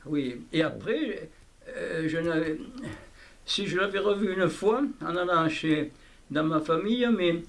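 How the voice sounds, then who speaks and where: An elderly man from southwest France talks casually and haltingly, repeating himself, recorded by a hidden microphone. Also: on the high side, gravelly, fairly bright tone. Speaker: interviewee, childhood friend recalling the past. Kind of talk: casual conversation, reminiscing. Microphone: hidden camera microphone. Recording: noisy candid hidden-mic recording, clicks.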